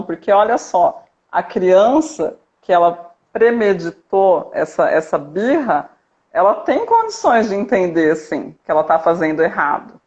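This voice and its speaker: A woman family coach calmly explaining parenting in a live video chat, checking in often with her listener. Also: medium pitch. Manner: calm, didactic, checks in with "tá?". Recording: dull lo-fi live stream audio.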